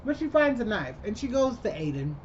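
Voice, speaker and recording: A vlogger casually recaps a movie for her channel in a chatty, rambling way, repeatedly breaking in with her own reactions. Her voice is on the high side with big pitch swings and a brisk pace, and the slightly muffled recording carries a faint hum underneath.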